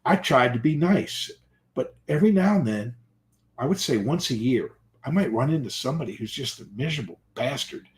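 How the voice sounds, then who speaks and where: A middle-aged man talks casually on a live stream and spins rambling work stories. He pauses often and restarts his sentences. His voice sits in a middling pitch. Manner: rambling, animated anecdotes with hesitations. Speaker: tile and grout cleaner, owner-operator.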